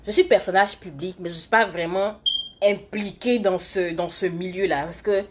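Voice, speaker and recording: A woman's voice: lowish voice, steady tone, normal speed, noisy background. Chatty young woman livestreaming. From Côte d'Ivoire. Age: young adult. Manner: rambling and chatty, talking while doing her makeup. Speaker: live streamer and student. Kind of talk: casual livestream chat answering viewer comments.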